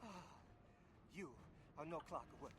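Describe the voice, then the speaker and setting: A man's voice: on the high side, measured pace, fairly bright tone, slight background noise. An actor playing an earnest, stranded nobleman in a video game, speaking formally. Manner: formal, old-fashioned phrasing.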